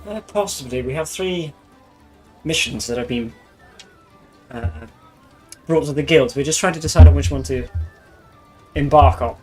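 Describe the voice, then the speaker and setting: A man's voice: medium pitch, unhurried, long pauses, a little mellow, faint music behind, low-quality recording. A man playing a tabletop game, speaking hesitantly with fillers and long rambling explanations. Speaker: player. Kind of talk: casual tabletop game chat.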